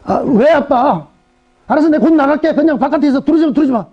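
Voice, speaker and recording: A man's voice: extremely high pitch, lively intonation, quick pace, dull audio, pitched above the performer's own voice. A man voicing an irritable teenage daughter who whines impatiently and dismissively. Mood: annoyed.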